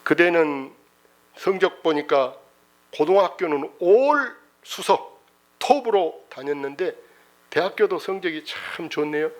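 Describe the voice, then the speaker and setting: A man voicing a stern older company chairman who questions a job applicant in measured, formal speech. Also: on the high side, lively intonation. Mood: questioning.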